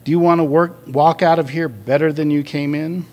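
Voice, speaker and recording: A booming, preachy rehab group leader, put on by a man reading aloud. He pushes his questions at the group with a raised, lifted delivery. It is a storybook reading. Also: steady tone, moderate pace, darkish tone, natural voice.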